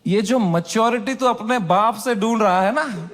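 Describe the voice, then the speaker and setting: एक आदमी हँसी-मज़ाक में अपनी झल्लाई हुई अधेड़ माँ की नकल कर रहा है।. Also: male voice, high-pitched, normal speed, a little hiss or hum, natural voice. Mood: teasing. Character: teasing middle-aged mother, exasperated.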